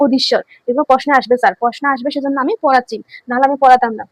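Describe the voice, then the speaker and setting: Brief: female teacher, high voice, dry close sound, quizzes the class and answers herself. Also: fairly even intonation, racing, dry recording, dull audio. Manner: asks students questions then answers them herself; repeats key words for emphasis. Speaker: grammar teacher. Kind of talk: online classroom lesson.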